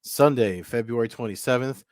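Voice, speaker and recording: Speaking at medium pitch and a moderate pace, this MMA news host delivers casual solo commentary to the camera, still congested from a recent cold. His talk wanders, packed with fillers and false starts, and the camera-mic recording is very noisy.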